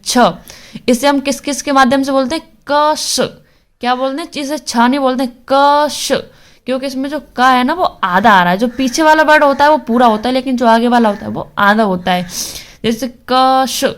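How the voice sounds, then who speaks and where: A woman teaching Hindi grammar for an exam, sounding out letters one by one and asking questions she answers herself. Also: a little high. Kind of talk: exam-prep lesson.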